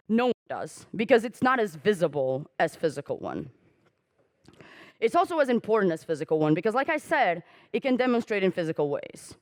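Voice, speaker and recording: A young adult woman whose first language is Portuguese gives a candid, self-mocking talk on a conference stage, swearing casually. She acts out quoted conversations with jumps in pitch. The sound is clean and studio-like, with no echo.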